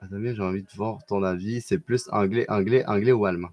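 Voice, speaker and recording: A man with a Québécois accent chatting casually on a live stream and answering viewers, loose and slangy with lots of quick restarts. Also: on the low side, fairly even intonation, darkish tone. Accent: Québécois French.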